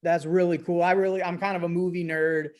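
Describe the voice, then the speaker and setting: A man's voice: high-pitched, level tone, brisk, a little mellow. A man co-hosting an interview, asking questions in a curious and friendly way. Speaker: co-host. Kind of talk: casual interview.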